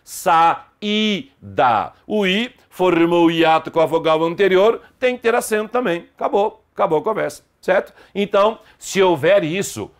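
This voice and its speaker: A man's voice: high-pitched, animated, measured pace, hardly any pauses. A middle-aged man with a Brazilian Portuguese accent teaching an online grammar lesson, explaining emphatically and stressing example words.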